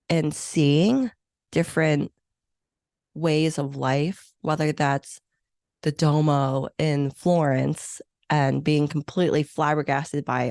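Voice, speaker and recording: This Hong Kong–born meeting planner in her thirties, who grew up in America and first spoke Chinese or Vietnamese, talks in a low, creaky, slightly mellow voice. As a conversational interview guest she's eager and thoughtful, leaning on many fillers, and the studio recording is clean with no room sound.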